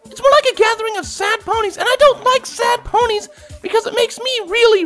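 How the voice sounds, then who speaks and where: Brief: a hyper, rambling cartoon girl pony, squeaky and loud, storybook reading. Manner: rapid excited rambling. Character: hyper bubbly young female pony, rambling.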